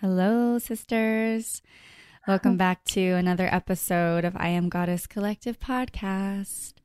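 A woman's voice: medium pitch, measured pace, clear, resonant tone, dry recording, clean studio sound. A woman hosting a podcast, chatting effusively and laughing often. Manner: warm, giggly, effusive. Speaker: podcast host. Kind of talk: casual interview chat.

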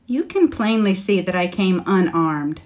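A woman reads a storybook part as a young male knight, pleading earnestly and persuasively in a raised voice and raised pitch. Her tone is darkish and animated, her pace a little slow.

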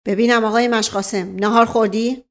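A woman's voice: a little high, steady tone, natural voice. A woman voicing a blustering male police inspector who barks short commands. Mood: mock-polite.

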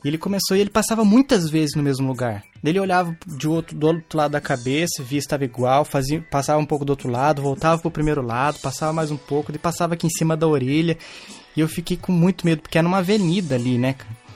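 A man's voice: on the high side, fast, darkish tone, faint music behind. A young man in casual chat, telling an anecdote with slangy fillers.

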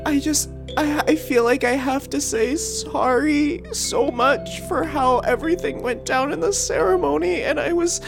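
A woman's voice: very high voice, fast talker, few pauses, music in the background, voice pushed up. A woman voicing a young woman who is weeping and stammering apologies in a tabletop game. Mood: tearful apologetic. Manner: sobbing, breathless, stammering apologies.

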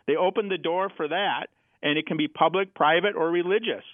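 A man's voice: fairly high pitch, a little fast, dry recording. An American man explaining things as a financial advisor guest, plain-spoken, with examples and rhetorical questions. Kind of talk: explanatory interview talk. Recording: tinny phone-like radio sound.

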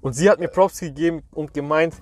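A man's voice: a little high, brisk. Slangy young man telling stories. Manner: slangy, rambling storyteller. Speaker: podcast co-host. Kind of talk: casual chat.

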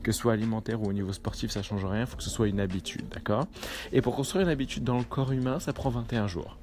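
A man coaches in a relaxed, talk-to-camera way. He speaks casually and keeps checking in with his listeners. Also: lowish voice, quick pace. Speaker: fitness coach.

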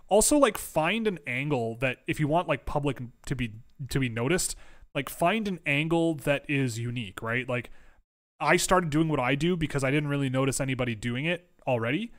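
On a casual livestream, a man with a medium-pitched, animated voice fields viewer questions about hockey prospects at a moderate pace. He rambles and interrupts himself with lots of fillers and restarts while his voice is wearing out.

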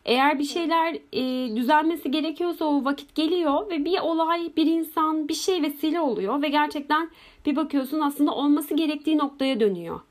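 Female host, high voice, thoughtful and musing. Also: a little fast. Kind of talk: casual conversation.

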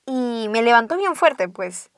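A young woman, casually telling a ghost story and dropping to hushed tones for suspense. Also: fairly high pitch, big pitch swings, measured pace, no room sound, studio quality.

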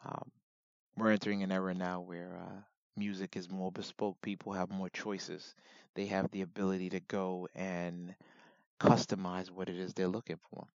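A man with a raspy, gravelly voice giving informal solo commentary as a host, in a measured, reflective way with deliberate pauses. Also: deep voice, flat delivery, no echo, muffled recording.

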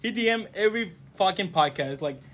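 Halting, slightly high-voiced man. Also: expressive. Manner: halting, with restarts, laughs along. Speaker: podcast co-host. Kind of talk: casual podcast chat.

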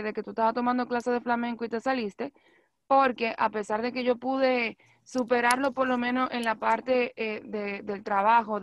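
Woman, Dominican Spanish accent, podcast guest, chatty filler-heavy talk, fairly high voice, dry sound. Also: no echo. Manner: chatty, loose, full of fillers like "como que". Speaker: podcast guest, news anchor and actress. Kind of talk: casual podcast chat.

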